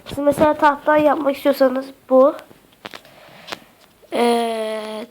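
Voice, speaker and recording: A woman's voice: high voice, takes it slowly, background noise. A woman narrating a casual game tutorial with a slightly sick voice, chatty and hesitant, often addressing the viewers as friends. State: slightly sick voice with occasional coughs. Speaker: Minecraft tutorial YouTuber.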